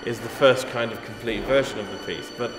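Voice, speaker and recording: This English-accented composer talks briskly in a mid-range voice during a relaxed interview, frequently starting his sentences over in a thoughtful, self-deprecating way. He's in an echoey gallery hall with music in the background.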